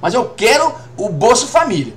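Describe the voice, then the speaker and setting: A man's voice: very high voice, sing-song, moderate pace, fairly bright tone, slight background noise. A Brazilian man in his fifties chatting jokily to viewers on a live game stream, repeating "rapaz" over and over. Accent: Brazilian Portuguese. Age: 50s. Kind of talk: live gameplay stream chat.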